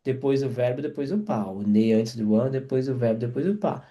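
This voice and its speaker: A man's voice: medium pitch, warm tone, lo-fi sound. A man teaching French grammar, explaining each example and checking in with listeners as he goes. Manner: repeats and checks in with quick tags.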